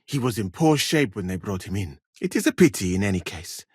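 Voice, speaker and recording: Learned malian court doctor in a medieval game, low raspy voice, dignified n polite. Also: male voice, big pitch swings, dry recording, studio quality. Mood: reflective, courteous. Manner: formal, measured, dignified, courteous. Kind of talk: video game character dialogue.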